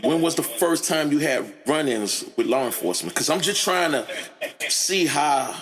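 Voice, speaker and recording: A man hosting a podcast, asking deliberate, probing interview questions. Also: on the high side, animated, a bit bright. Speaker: podcast host. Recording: reverberant with faint noise.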